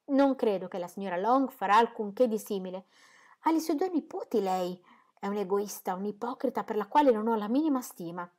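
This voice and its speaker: A woman reading aloud, voicing a fussy, excitable middle-aged mother who complains about her nerves. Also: medium pitch, fairly quick, lightly acted. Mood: fretful. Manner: exclamatory and complaining.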